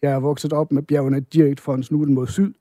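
A man from Germany with a German accent, speaking as an interview guest and visual artist, pausing often with fillers. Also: on the high side, flat delivery, warm tone, dry recording, studio quality. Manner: hesitant, many fillers. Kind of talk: casual interview chat.

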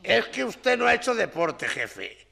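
An actor with a Spanish accent playing a dim, stubborn, good-hearted crook's underling in a comedy, insistent and repetitive. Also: male voice, high-pitched, wildly swooping pitch, unhurried, vocal fry, sharp tone, heavily acted. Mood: stubborn, earnest. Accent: Spain.

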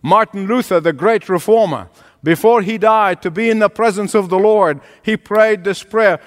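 A man's voice: high-pitched, normal speed, long reverb tail. A man preaching a sermon as pastor, emphatic and driving home points through repetition. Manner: emphatic preaching with repeated phrases.

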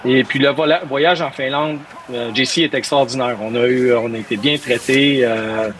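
In a slightly bright, mid-range voice with fairly even intonation and normal speed, a Montreal man answers interview questions in his role as hockey coach. His Quebec French accent comes through, and he hesitates and repeats words while searching for them.

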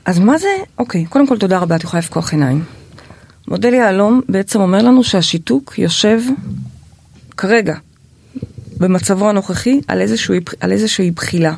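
A woman hosting a podcast, guiding her guest through a word-association exercise in a brisk, directive, encouraging way. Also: mid-range voice, vocal fry, darkish tone, slightly rough, no echo.

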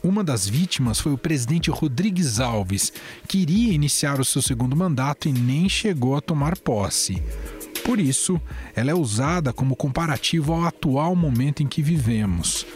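Male news reporter reading. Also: on the high side. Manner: steady, measured reading. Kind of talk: scripted news narration. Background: faint music bed.

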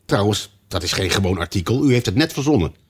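A man's voice: fairly low pitch, lively intonation, fast, slightly rough. A man voicing a sensible, outspoken young girl in a storybook reading, speaking plainly and firmly.

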